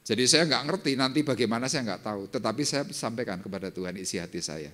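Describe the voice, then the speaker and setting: Animated older pastor preaching. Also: male voice, fast talker. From Indonesia. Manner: animated, swings from low murmurs to loud high exclamations. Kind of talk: sermon with personal testimony. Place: church service.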